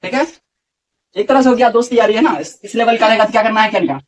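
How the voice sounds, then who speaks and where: A man's voice: sits high, quick pace, far from the mic, lo-fi sound. A man teaching a grammar lesson to a class, often asking questions and repeating the answers.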